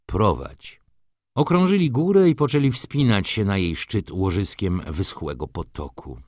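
Male audiobook narrator, very deep voice, expressive and lively in pitch, dry close recording. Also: normal speed, dry recording. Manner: expressive literary reading. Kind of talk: scripted narration.

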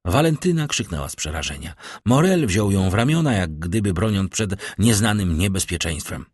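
Husky, expressive male audiobook narrator. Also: low voice, moderate pace, no echo, clean studio sound.

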